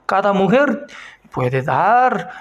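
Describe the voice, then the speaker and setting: A pastor teaching a bible class, speaking haltingly and searching for words, growing animated as he retells stories. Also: sits high, highs cut off.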